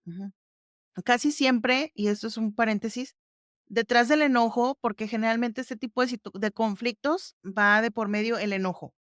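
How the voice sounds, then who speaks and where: A woman's voice: a little high, normal speed, dry recording, studio quality. A woman hosting a podcast, explaining exercises step by step in a casual, conversational way. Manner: explains step by step, conversational, warm fillers like "ujú". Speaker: podcast host.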